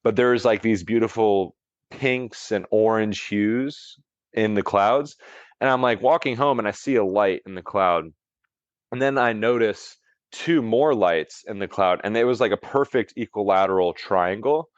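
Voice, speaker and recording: A man's voice: on the low side, unhurried, dry recording, dull audio. A man as a podcast guest, telling a story in a casual, rambling way, full of "like" and restarts. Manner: rambling, heavy use of "like" and restarts. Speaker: podcast guest, longevity coach.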